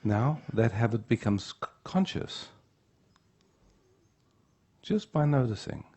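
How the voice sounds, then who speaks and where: A man giving an unhurried spiritual teaching talk at a retreat. He often checks in with the room by asking "yeah?". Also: medium pitch, lively intonation, warm tone.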